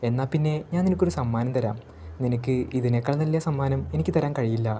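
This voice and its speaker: A man voicing a calm, confident young male mage in a storybook recap, in his own plain voice. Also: mid-range voice, fast talker, slight background noise, natural voice.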